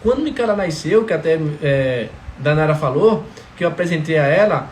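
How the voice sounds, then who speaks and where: With a fairly high pitch and a moderate pace, this man speaks emphatically about his family from a father's perspective. He's lively and keeps checking in with "entendeu?" in this casual testimony, set in an echoey room with faint background noise.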